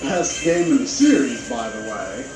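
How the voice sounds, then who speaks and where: Delivering a scripted game review in a mid-range, sing-song voice, a man speaks at normal speed with a chatty, opinionated tone and offhand asides. Game music accompanies the roomy-sounding playback.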